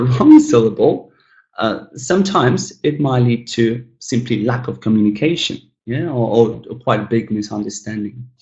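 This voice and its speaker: A man with as his teaches English pronunciation, his voice sitting at an ordinary pitch. He breaks words apart, stretching the stressed syllable and mumbling the others. The recording has a noticeably echoey room sound. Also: vocal fry, darkish tone, muffled recording. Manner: demonstrates sounds by exaggerating stressed syllables and mumbling unstressed ones; explanatory, addresses viewers as guys. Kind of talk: recorded language lesson.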